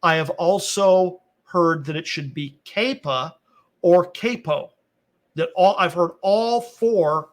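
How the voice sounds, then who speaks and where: Guy teaching a bible passage, kinda high voice, keeps asking "right?". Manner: explains step by step, often checking in with "right?" and "okay?"; cautious, qualifies his claims. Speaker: Bible teacher and podcast host.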